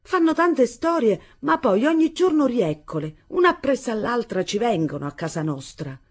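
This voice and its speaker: A woman putting on a lofty teenage boy in a storybook reading, disdainful and dismissive. Her husky voice is pitched up and forceful. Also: big pitch swings, normal speed. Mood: contemptuous. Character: haughty teenage boy, contemptuous. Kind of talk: audiobook reading.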